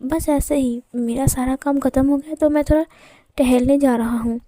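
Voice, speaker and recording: A woman voicing a gently teasing young man. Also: high voice, fairly even intonation, normal speed, no room sound, studio quality, close to an everyday voice. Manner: teasing, coaxing, soft.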